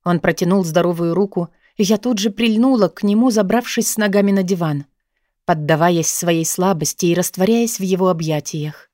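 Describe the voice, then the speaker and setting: A woman narrating an audiobook in the first person, with an even, measured reading. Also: lowish voice, no room sound, studio quality.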